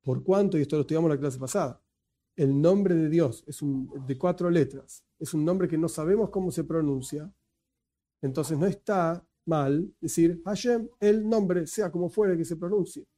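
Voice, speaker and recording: A man's voice: fairly high pitch, moderate pace, dark tone. A man with an Argentine accent giving a conversational lecture as a teacher, explaining patiently and slipping in joking asides. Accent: Argentine Spanish.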